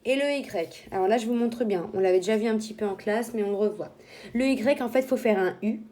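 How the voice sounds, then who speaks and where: Mellow-voiced teacher guiding young children. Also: female voice, on the high side. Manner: slow, step-by-step explaining with simple imagery. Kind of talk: handwriting lesson for young children.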